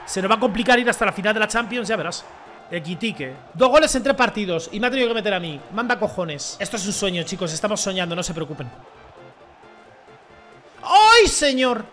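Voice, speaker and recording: A young man streams a football video game in a very high, bright voice, yelling at the referee and talking straight to his viewers. Soft game music plays under his excited commentary. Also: quick pace. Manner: shouts and yells at the referee, swears, talks to viewers. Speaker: gaming streamer.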